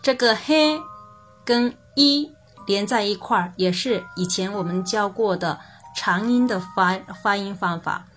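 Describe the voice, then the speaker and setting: Woman, language teacher, patient, slow repeated example words, mid pitch, faint music behind. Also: fairly bright tone. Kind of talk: explaining Japanese pitch accent.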